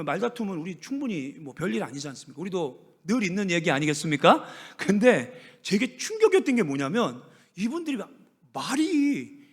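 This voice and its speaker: Animated Korean pastor preaching in a church. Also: male voice, high voice, husky. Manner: animated, humorous, acts out quoted dialogue. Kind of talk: sermon. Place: church sanctuary. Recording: long church reverb.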